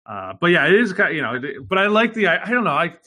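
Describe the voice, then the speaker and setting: A man's voice: sits high, sing-song, fast talker, bright, forceful tone. A man in casual chat about a show, rambling with lots of fillers and casual swearing.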